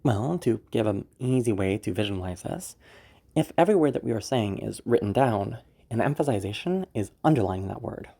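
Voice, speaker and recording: A man's voice: on the low side, expressive, a little fast, vocal fry, mellow, husky. A man teaching voice acting in a casual, rambling way, with frequent laughs and restarts. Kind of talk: casual spoken tutorial.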